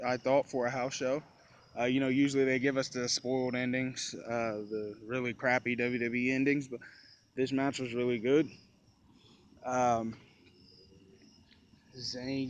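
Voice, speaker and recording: A man's voice: medium pitch, a little hiss or hum. A man talking casually and at length to camera, loose and rambling with many fillers. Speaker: vlogger. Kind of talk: casual recap talk.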